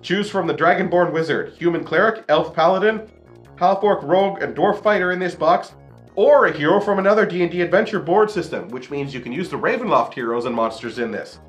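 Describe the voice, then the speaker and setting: A man's voice: fairly high pitch, animated, fairly quick, faint music behind. A man hosting a board game review, reading out rules and explaining them in his own words.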